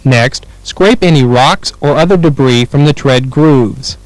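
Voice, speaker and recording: Reading instructional narration from a script for a training film, an American-accented man keeps his delivery clear and measured. The pitch is medium, there's no room sound, and the recording quality is low.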